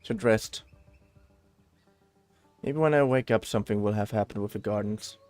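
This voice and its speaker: A man livestreams a video game with casual, theatrical let's-play commentary and dramatic read-aloud, emphatic and prone to casual swearing. His voice is fairly low and a little mellow, at a moderate pace. Soft music plays in the background.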